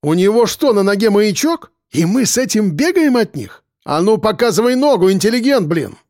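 A man voicing a brash, spoiled young rich man in an audiobook, shrill and agitated. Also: very animated, measured pace, a little mellow, no room sound, clean studio sound, exaggerated voice. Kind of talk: audiobook character voice.

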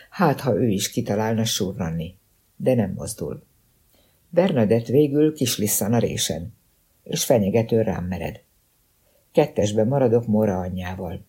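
Guy reading a thriller audiobook in first person, low-key and even, kinda husky dark voice. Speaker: audiobook narrator.

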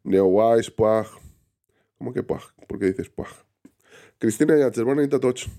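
A man's voice: a little slow, mellow. A man hosting a casual live stream, unwell, rambling and greeting viewers by name. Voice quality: deep voice. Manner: rambling, reads viewer names aloud, many restarts. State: unwell, recovering from illness. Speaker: livestream host reading chat.

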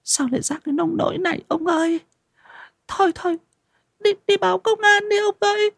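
A man voicing a frightened middle-aged village wife in an audio horror story, with a shrill falsetto, stammering and pleading. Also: animated, unhurried, vocal fry, husky, dry recording, studio quality, heavily acted. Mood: frantic hush.

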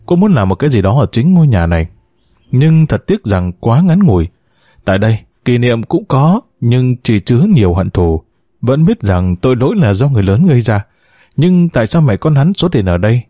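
A man's voice: on the low side, mellow, no room sound, studio quality. A man narrating a family drama story, reading the narration and voicing every character himself.

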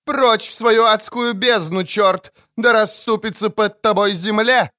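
A man's voice: high voice, steady tone, unhurried, sharp tone, pitched above the performer's own voice. A man doing a shrieking, stammering priest. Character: panicky shrieking male village priest.

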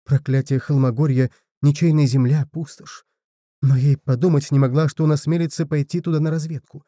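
An anxious, fretting little folk woman, voiced by a man reading aloud. Her lines rise above his usual pitch and tumble out in breathless exclamations, with a very mellow, dark timbre and a dry, close sound. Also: steady tone, a little fast, dry recording, lightly acted.

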